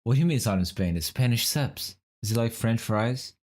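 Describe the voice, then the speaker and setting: A young streamer with a medium-pitched, darkish voice talks a little fast and animatedly while he casually puzzles out a word game. Guesses get muttered, the odd swear word slips out, and he keeps asking chat whether he's correct.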